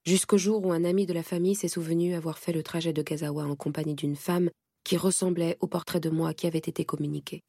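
A woman reading a first-person audiobook in a measured, steady way. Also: sits low, slightly rough, no room sound, clean studio sound. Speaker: narrator.

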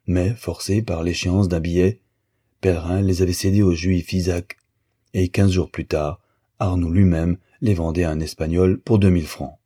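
A man reading a literary novel aloud as an audiobook narrator, in a measured, even way. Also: low-pitched, slightly rough.

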